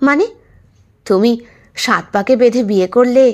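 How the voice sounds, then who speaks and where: A woman voicing a gentle older man in an audio story, a father speaking tenderly to his wife. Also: fairly high pitch, normal speed, natural voice.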